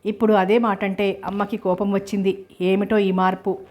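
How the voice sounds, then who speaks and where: Woman reading a novel out loud, flat steady tone, mid pitch. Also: moderate pace. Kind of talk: first-person novel narration.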